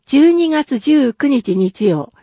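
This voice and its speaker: A woman reading official city announcements in a careful, even and formal manner. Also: high voice, takes it slowly, no echo. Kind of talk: scripted reading of public announcements.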